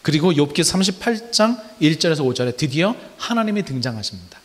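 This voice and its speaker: A male pastor delivers a sermon in a church sanctuary, his slightly high voice rising and falling with animated pitch. He explains as he goes and keeps asking the congregation rhetorical questions. The recording carries a long reverb from the church hall. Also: a little fast.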